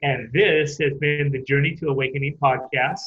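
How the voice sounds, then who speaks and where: A man co-hosting a podcast, gently thanking the guest and signing off the show. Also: mid-range voice, fairly even intonation, normal speed, husky. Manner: gentle, wrapping up with thanks and sign-off. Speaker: podcast co-host. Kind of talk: casual interview chat. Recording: tinny phone-like line.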